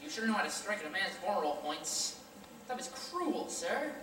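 A woman acting a brash male con man who stages fake drownings, pitching with pushy salesman patter on a school stage. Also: big pitch swings, moderate pace, fairly bright tone, slight background noise. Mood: huffy. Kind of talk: high school stage play. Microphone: far camera. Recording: echoey hall from far off.

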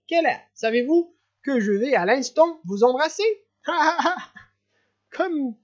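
A reader putting on a giddy young prince, his voice lifted well above the reader's own and bubbling over with laughter. He rambles eagerly, tripping over words in his excitement, on a dull lo-fi audiobook recording. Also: medium pitch, pitched above the performer's own voice.

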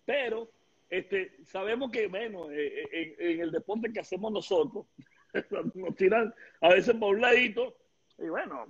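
A middle-aged man with a Venezuelan Spanish accent hosting a live video interview, lively and stammering as he talks. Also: sits high, measured pace, slight background noise. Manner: lively, gestures a lot, stammers and repeats words. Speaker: host. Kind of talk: casual live-stream interview. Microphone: webcam on a video call. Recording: dull lo-fi video call.

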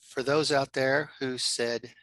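Bright-voiced man presenting online. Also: medium pitch, fairly even intonation, slow, no echo, poor audio. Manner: friendly, chatty, many ums and uhs. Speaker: librarian presenting a workshop. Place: home office. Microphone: video call.

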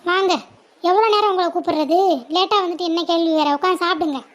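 A woman playing a scolding mother of two girls in a family drama, nagging sharply and without pause. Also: very high voice. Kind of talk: family drama role-play.

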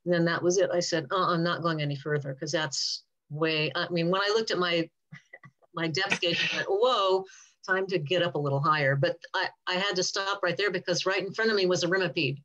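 An older woman scientist answering questions in a relaxed, rambling way over a video call. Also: on the low side, fairly quick, muffled recording. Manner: chatty, rambling, self-correcting. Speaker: guest speaker, cave diving scientist.

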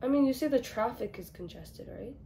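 A woman's voice: on the high side, animated, fairly quick, gravelly, warm tone, slight background noise. A young woman vlogging casually from her bedroom while sick, with a stuffed-up nose and a rambling, filler-heavy way of talking. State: congested from a cold. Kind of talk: casual vlog chat. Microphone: camera mic in a bedroom. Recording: guitar music behind the voice.

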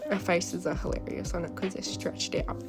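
A woman's voice: lowish voice, steady tone, normal speed. A young woman with a lisp and slushy s sounds, narrating her daily routine in a chatty, informal vlog voice-over. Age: young adult. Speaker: vlogger. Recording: background music. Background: music.

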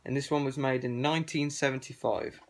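A man's voice: mid-range voice, fairly even intonation, a little fast, vocal fry. A man speaking through a cloth balaclava, showing his gas mask collection in a rambling, offhand chat full of fillers. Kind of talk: casual show-and-tell vlog.

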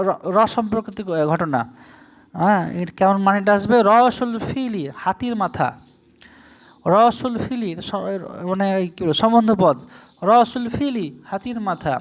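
In a recorded language lesson, a teacher with a medium-pitched voice stretches each foreign phrase out slowly before shifting into quick explanatory asides. Rhetorical questions aimed at the listener recur throughout.

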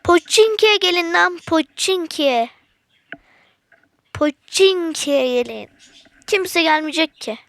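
A woman's voice: very high-pitched, animated, takes it slowly, pauses often, fairly bright tone, no room sound. A woman giving casual, slangy gameplay commentary to her viewers, with sudden frustrated outbursts. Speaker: gaming channel host.

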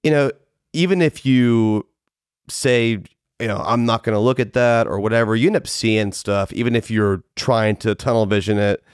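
Man, 50s, podcast host, low-leaning voice, casual rambling chat, dry recording. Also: normal speed, clear, resonant tone, dry recording. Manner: rambling, swears casually, self-deprecating.

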